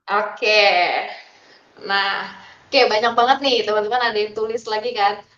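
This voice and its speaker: A woman's voice: medium pitch, steady tone, a little slow, fairly bright tone, echoey room, dull audio. A woman leading a live online marketing class, prompting students for ideas and moving through the lesson. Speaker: class instructor.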